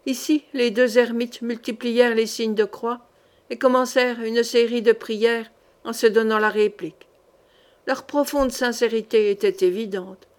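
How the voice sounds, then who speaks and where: A woman narrates a historical novel for an audiobook at a steady, measured pace. Her voice sits a little on the high side. She tells the story in a clear, even way. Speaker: audiobook reader.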